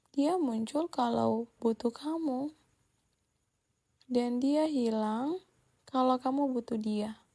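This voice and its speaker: A woman's voice: on the high side, warm tone. A woman hosting a scripted relationship advice monologue, speaking bluntly and directly to the listener. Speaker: host.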